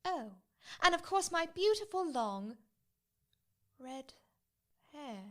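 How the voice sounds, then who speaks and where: Voicing a short-tempered, sarcastic female prisoner in a tabletop roleplay, a woman speaks in deliberate, sardonic phrases. Her pitch sits high, and the performance is very animated and heavily acted.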